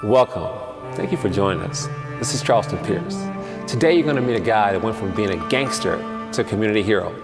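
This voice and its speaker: A man's voice: fairly low pitch, lively intonation, brisk, long reverb tail, loud music behind the voice. A man hosting a TV interview, greeting his guest and asking questions in an upbeat, friendly way.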